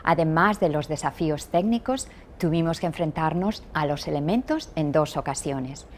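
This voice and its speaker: Low-voiced woman interviewer, faint noise. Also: expressive, normal speed. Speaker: interviewer and mission engineer. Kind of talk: hosted interview.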